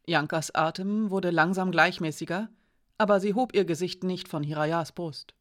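A woman narrating a story aloud in a lowish voice. Her reading is measured and even, with clear, scripted delivery. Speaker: audiobook reader.

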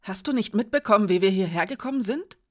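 A woman voicing an eager, excitable young boy in a storybook, speaking quickly and with a raised voice. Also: mid-range voice, lightly acted. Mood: excited.

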